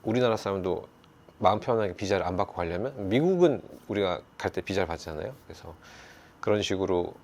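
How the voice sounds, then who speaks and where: Man, support worker type; rapid, low-pitched explainer. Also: expressive, darkish tone. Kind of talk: explanatory interview.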